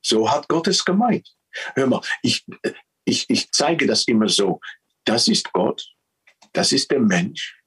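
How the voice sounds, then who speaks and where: A preacher man giving a sermon in a husky voice with a mid-range pitch. He speaks slowly and tells the story in an animated way, often restarting on repeated words. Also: poor audio.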